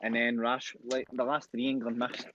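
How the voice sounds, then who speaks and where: Male co-host, mid pitch, casual football banter, dull stream audio. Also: little pitch movement, normal speed, sharp tone, a little hiss or hum. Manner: chants and repeats phrases teasingly. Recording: dull lo-fi stream audio with faint game music.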